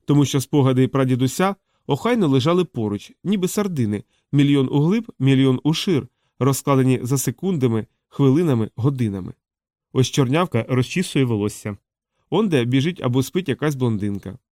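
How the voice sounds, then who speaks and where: A man's voice: medium pitch, fairly quick, no room sound. Man narrating an audiobook, close and dry. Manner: expressive storytelling. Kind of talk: scripted narration.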